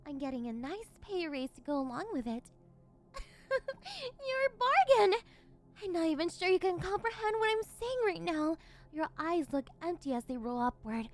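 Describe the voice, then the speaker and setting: A woman's voice: high voice, expressive, brisk. A woman playing a possessive, unhinged yandere villainess in an ASMR role-play, cooing and teasing condescendingly as she domineers over her captive. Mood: smug, domineering.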